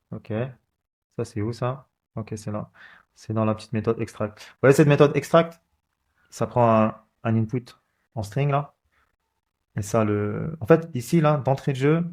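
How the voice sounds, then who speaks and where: Gravelly and darkish, with a fairly low pitch, this coding channel host's voice guides a casual screen recording of code. He reasons out loud as he goes, with frequent fillers and restarts.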